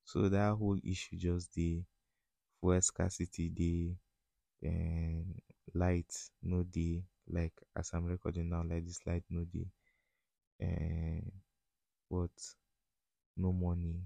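Deep-voiced Nigerian man slipping into Pidgin. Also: completely flat delivery, slow pace, gravelly, pauses often, mellow, no echo. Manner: slips often into West African Pidgin; informal, slangy, conversational. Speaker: podcast host. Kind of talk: casual solo podcast chat.

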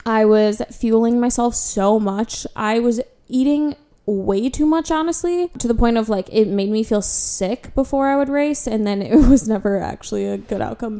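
Chatty young woman, mellow voice. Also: on the high side. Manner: chatty, candid, self-deprecating, frequent "like" fillers. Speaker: vlogger. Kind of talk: casual personal storytelling.

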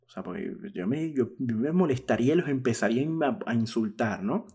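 A man's voice: mid-range voice, animated, fairly quick, dark tone, husky. A man in his thirties hosting a podcast, talking frankly and reflectively in a casual monologue, now and then laughing at himself. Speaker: podcast host.

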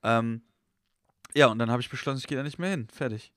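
A young man on a casual podcast, an animated storyteller who acts out quoted dialogue. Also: mid-range voice, quick pace, no echo, clean studio sound. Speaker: podcast co-host and comedian.

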